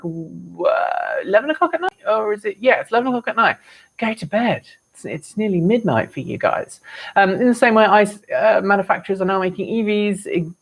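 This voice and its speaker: A woman with an English accent, from England, hosting a casual live stream and answering viewer comments in a chatty, rambling way with wry, exasperated asides. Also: on the low side. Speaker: host of an electric vehicle show.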